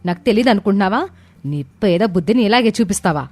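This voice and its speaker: A woman voicing a proud, quick-tempered wealthy young mother who scolds and shouts in a storybook. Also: mid-range voice, animated, no room sound, close to an everyday voice. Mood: furious. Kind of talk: storybook character voice.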